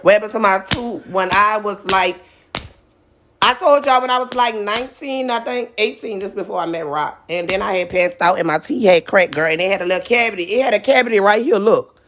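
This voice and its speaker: A man's voice: sits high, brisk, a little hiss or hum. A man with a lisp from a missing front tooth, bantering casually and brashly with lots of swearing. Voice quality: lisping, slurred speech from a missing front tooth. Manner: brash, loud, theatrical trash talk with heavy swearing. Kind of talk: casual joking chat.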